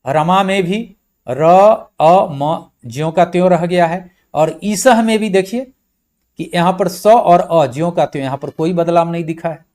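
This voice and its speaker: A male teacher gives a measured, unhurried grammar lecture and breaks each word down letter by letter. His voice sits somewhat high for a man, and he speaks, repeating points patiently. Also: darkish tone. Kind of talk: slow blackboard-style lecture.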